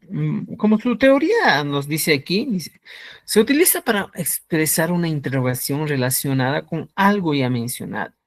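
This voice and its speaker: A woman leads a live online language lesson, her voice low and her pace slow and patient. She keeps checking in with her students and stretches out key words. The sound is dry and close to the mic. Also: no echo. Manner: explains step by step, often checks in with "ya?". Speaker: Quechua language teacher.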